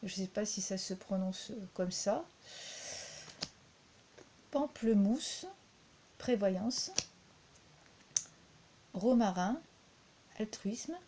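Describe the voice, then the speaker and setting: A woman's voice: mid-range voice, lively intonation, very slow, pauses often, mellow, a little hiss or hum. A woman with a French accent reviewing a deck of cards, talking unhurriedly with frequent fillers and repeated words.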